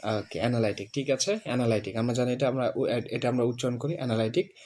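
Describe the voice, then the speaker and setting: A man teaching English pronunciation, saying each word slowly and over and over for a student to copy. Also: medium pitch, steady tone, darkish tone. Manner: repeats words slowly, drilling the student. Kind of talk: pronunciation lesson.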